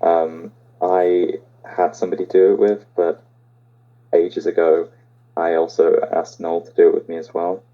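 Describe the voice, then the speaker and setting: A man's voice: deep voice, little pitch movement, a little slow, muffled recording. A young man hosting a casual podcast chat, hesitant and full of ums. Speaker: podcast host.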